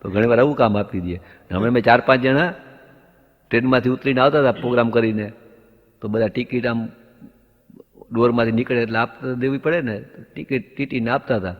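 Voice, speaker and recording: Comedian in a reverberant hall. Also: male voice, mid-range voice, a little fast. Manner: acts out both sides of dialogues in anecdotes, punchline delivery. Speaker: stand-up comedian. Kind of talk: stand-up comic storytelling. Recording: dull lo-fi sound with long hall reverb.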